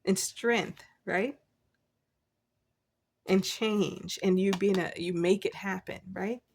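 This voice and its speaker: Chatty tarot lady at her desk, kinda breathy, hypes you up and laughs a lot. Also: mid-range voice, fairly even intonation, slow pace. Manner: encouraging, chatty, laughs often. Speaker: tarot reader. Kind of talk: casual tarot reading.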